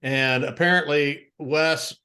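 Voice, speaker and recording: A man hosting a casual beer review show, talking in a relaxed, easygoing way with frequent fillers. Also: a little high, takes it slowly. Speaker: podcast host.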